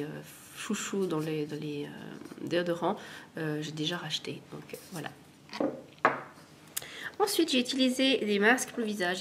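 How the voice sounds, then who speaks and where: A woman's voice: mid-range voice, fairly bright tone, slight background noise. A woman with a cold chatting casually through a beauty product review, rambling and poking fun at herself. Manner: chatty, rambling, self-deprecating. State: has a cold. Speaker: beauty vlogger.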